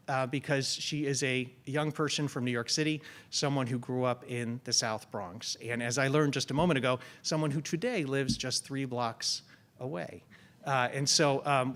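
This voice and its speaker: Here a college dean, a man, presents a guest and steers a public conversation at an event. He talks at a measured pace, often saying um, in a medium-pitched and fairly bright voice.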